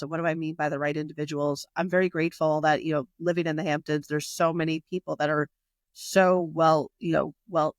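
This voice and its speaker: This low-voiced woman, a magazine publisher whose first language is not Italian, rambles through a casual podcast interview as a guest, full of fillers and restarts. There's no echo on the recording.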